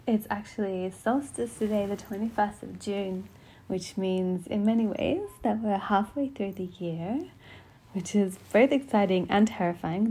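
A woman podcast host speaks in a tender, gentle way, as if confiding in one listener. Her voice is soft and mellow, with plenty of creak, and she takes her time. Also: medium pitch. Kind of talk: intimate solo podcast talk. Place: small closed bedroom at home. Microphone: podcast microphone.

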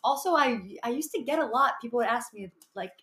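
A woman's voice: on the high side, animated, fast talker, fairly bright tone, roomy sound. A woman co-hosting a podcast in casual chat, blunt and laughing often, swearing freely. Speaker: podcast co-host.

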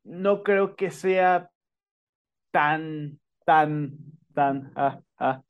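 A man gives his take on a film in casual podcast talk. His voice is a bit high for a man, and he swings between quick bursts and slow, drawn-out phrases, laughing along the way. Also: smooth, muffled recording. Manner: animated, laughs, rushes and then slows.

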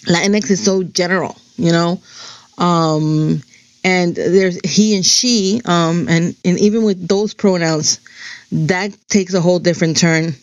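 A middle-aged New Jersey woman whose first language is Spanish rambles through a chatty personal monologue full of "um" and "you know." Her voice is lowish and steady, and she takes her time. The audio is dry, with the highs cut off.

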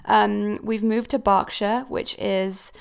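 A young woman raised in Switzerland talks through a relaxed solo podcast episode at home. Her voice is smooth and clear with a steady rasp of fry at the ends of phrases. She rambles comfortably, dropping ums and correcting herself mid-sentence. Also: medium pitch, takes it slowly. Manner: chatty, with frequent ums and self-corrections. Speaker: podcast host. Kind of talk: casual solo podcast talk. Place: new house.

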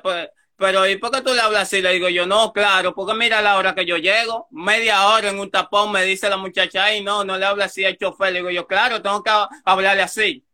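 Guy rattling off a story, high voice, super bright. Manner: fast storyteller acting out quoted dialogue. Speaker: guest telling a story. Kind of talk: casual phone chat.

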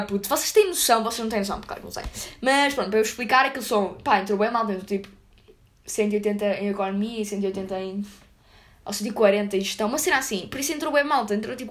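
A woman's voice: a little high, fast talker. A young woman with a European Portuguese accent, telling a story to her viewers in casual, slangy chat full of fillers. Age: young adult. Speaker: vlogger.

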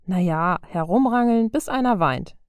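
A woman's voice: lowish voice, animated, normal speed, clean tone, dry recording, close to an everyday voice. A woman reading the lines of a cheeky, cocky young female fighter who jokes a lot, in an audiobook. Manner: cheeky, joking. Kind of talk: audiobook character voice.

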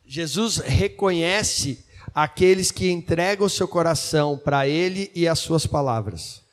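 Male church interpreter with a slightly high voice, translating a sermon line by line and fixing his words as he goes. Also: a little slow. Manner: translating phrase by phrase, with small fillers and self-corrections.

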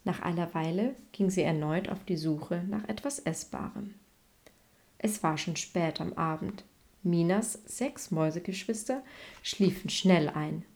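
A woman reading a children's bedtime story aloud, gently and evenly. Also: fairly low pitch, a little slow. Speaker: storybook reader.

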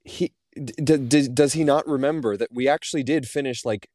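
A man's voice: mid-range voice, fairly quick, a little mellow, dry recording, studio quality. A man co-hosting a casual soccer podcast, rambling with lots of restarts and filler words. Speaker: podcast co-host.

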